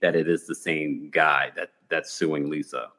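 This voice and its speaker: A man from the United States co-hosting a casual chat, chiming in conversationally with quick facts. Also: rumbling low, fairly even intonation, pushed and bright. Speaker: podcast co-host.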